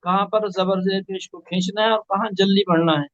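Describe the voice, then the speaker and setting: A man teaching Quran reading one-on-one, patiently correcting and spelling out sounds slowly. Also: high-pitched, steady tone, dry recording, muffled recording. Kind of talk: one-on-one recitation lesson.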